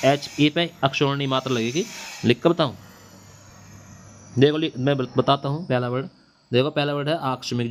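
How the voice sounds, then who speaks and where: A male teacher giving an exam-prep Hindi lesson, repeating answers and quizzing students back on them. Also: medium pitch. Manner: repetitive, drilling answers with quiz-back questions. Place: classroom or home studio at night. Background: faint hiss of a machine running nearby.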